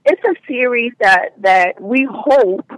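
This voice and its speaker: A woman's voice: fairly high pitch, lively intonation, slow, no room sound, low-quality recording. A woman from Liberia, a producer being interviewed on the radio, talking in an upbeat and enthusiastic way. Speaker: web series producer, guest.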